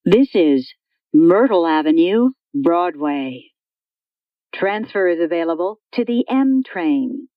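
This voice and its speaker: A woman's recorded train station announcement, spoken slowly and carefully with a lilting, up-and-down pitch. Her voice sits a little low, and the sound is dull, lo-fi and dry. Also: expressive, no room sound. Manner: slow, clear, measured delivery. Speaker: transit announcer. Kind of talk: prerecorded transit announcements.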